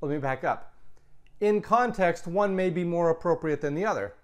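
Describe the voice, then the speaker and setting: A man teaching a recorded grammar lesson, explaining slowly and patiently, sometimes correcting himself mid-sentence. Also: a little high. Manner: slow, patient explaining with self-corrections and asides. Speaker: Latin teacher.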